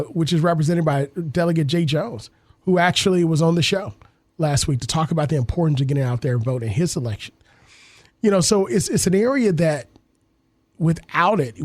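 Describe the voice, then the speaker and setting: A man's voice: on the high side, no echo. A man, hosting a radio talk show with earnest civic commentary. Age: 30s. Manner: earnest, civic-minded, repeats words while thinking.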